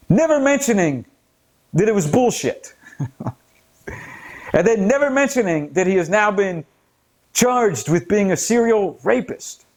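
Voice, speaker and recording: Speaking slowly in a voice that sits high, this American political commentary host grows indignant while staying earnest. His solo delivery sounds scripted, with rising emphasis on the key points.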